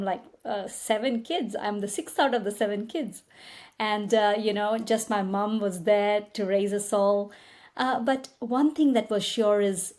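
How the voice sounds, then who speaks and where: A woman in her thirties from India with an Indian accent, a guest migration agent telling her life story in a casual interview, animated and full of quoted dialogue. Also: a little high. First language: Tamil.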